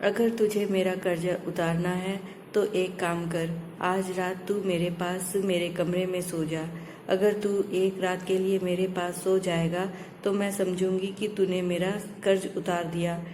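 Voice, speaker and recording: A woman narrator speaks as a patient old mother in a spoken family tale. The voice is low and unhurried, with little rise and fall and a dark, warm tone. An echoey room surrounds it. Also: lightly acted. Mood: gentle. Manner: slow, even storyteller delivery. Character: elderly mother, patient and gentle. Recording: echoey room, faint background noise.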